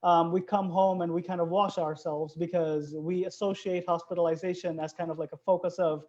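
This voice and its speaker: An earnest biologist from Bangladesh explains things during an interview. The voice is mellow and warm in tone. The recording is dull and lo-fi. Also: medium pitch, flat delivery, a little fast. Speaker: biologist guest.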